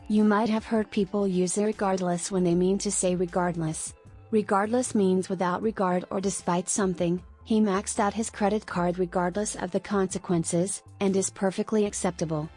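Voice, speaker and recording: A woman giving a scripted explainer on tricky words, clear and lightly playful. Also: mid-range voice, a little mellow. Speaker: narrator. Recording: faint background music.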